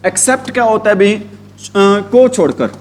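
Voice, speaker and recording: A man teaching English grammar, asking the same questions again and again and drawing out the words he spells. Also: sits high. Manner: repetitive call-and-response questioning, drawn-out spelled words. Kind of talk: classroom grammar lesson in Hindi.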